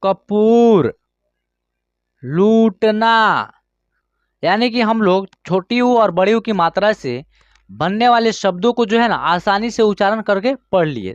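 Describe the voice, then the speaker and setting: A man with a high voice leads a slow online reading lesson, stretching each word out syllable by syllable and pausing to check his students follow. The sound is dry and a little dull, with no room echo. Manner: slow, drawn-out word-by-word pronunciation with frequent check-ins. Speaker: Hindi reading teacher.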